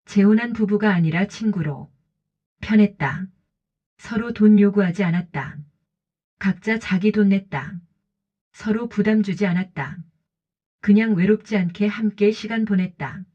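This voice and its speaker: A woman narrating a scripted audiobook in short, even, calm sentences, on a dull lo-fi recording. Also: mid-range voice, measured pace, pauses often, breathy edge.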